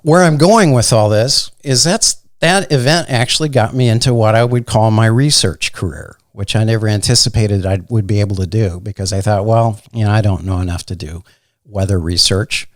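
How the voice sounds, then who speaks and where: Man, Midwestern accent, low voice, unhurried, dry close mic. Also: no room sound. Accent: Midwestern American. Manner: soft-spoken, unhurried, fond of fillers. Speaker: meteorologist guest. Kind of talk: casual interview storytelling.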